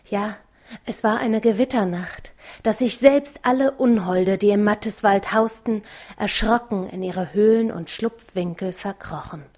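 A woman narrating a children's novel as an audiobook, calm and measured. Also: medium pitch. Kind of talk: audiobook reading.

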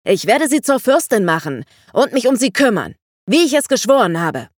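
A woman reading an audiobook, voicing a menacing, power-hungry man who talks loud and threatening. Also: fairly low pitch, lively intonation, moderate pace, no echo, clean studio sound.

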